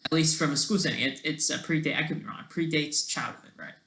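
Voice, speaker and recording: A solo online commentator with a mid-range, fairly bright voice works through study notes by thinking aloud. The delivery is loose and digressive, often pausing, with a casual, self-deprecating tone.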